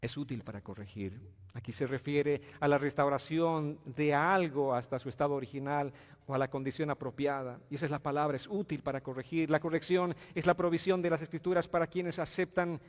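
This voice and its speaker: A man pastor preaching a sermon, swinging from hushed pleading to loud exclamations and asking his congregation questions. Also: fairly high pitch, in a large hall. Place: church sanctuary.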